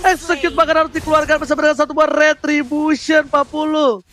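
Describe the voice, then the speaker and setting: Male Indonesian esports caster, excited fighting game announcer delivery, very high pitch, rapid pace. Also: slight background noise. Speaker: esports play-by-play commentator. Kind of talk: live esports commentary.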